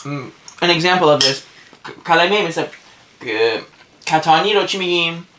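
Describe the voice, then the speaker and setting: Bright, teasing young man in an echoey room. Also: fairly high pitch, expressive, slight background noise. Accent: English-accented Persian. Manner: teasing, switching between Persian and English. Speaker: co-host of a food vlog. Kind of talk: casual mukbang chat.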